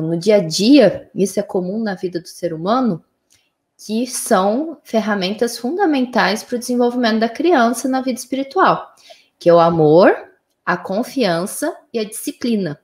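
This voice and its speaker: A woman, a mother, calmly explaining her views on raising children in casual conversation. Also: medium pitch, unhurried, reverberant. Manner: calm, explanatory, frequent "né?".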